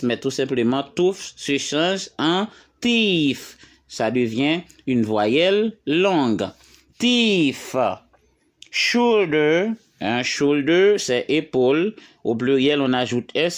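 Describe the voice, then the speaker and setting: A man teaching English vocabulary to French speakers, slowly repeating words and lifting his voice on each English example. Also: medium pitch. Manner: slow, repeats words for learners. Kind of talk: bilingual vocabulary lesson.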